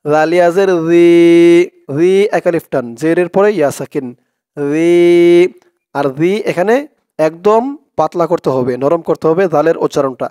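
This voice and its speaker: A man with a Bangladeshi accent teaches Arabic prayers. He spells out the syllables quickly, then chants the whole words slowly. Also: on the high side, darkish tone, no room sound, clean studio sound. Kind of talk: spelled-out recitation lesson.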